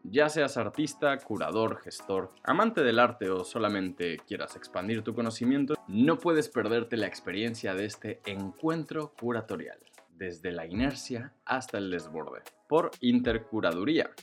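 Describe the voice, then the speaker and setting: A man's voice: on the low side, animated, unhurried, soft background music. A man with a Mexican accent reads scripted news as a podcast host, with casual slang and emphatic phrase openings.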